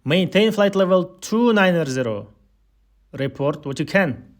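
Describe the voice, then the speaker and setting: His voice is high as he works through scripted ATC phraseology for a listening drill, playing the instructor. The pace stays unhurried and deliberate, yet the delivery comes across as animated.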